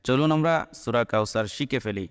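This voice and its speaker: A man teaching how to recite a short Quran chapter, spelling out each letter and vowel mark before chanting the verse in long, drawn-out tones. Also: mid-range voice, clean tone. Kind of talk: slow recitation lesson. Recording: long echoing reverb.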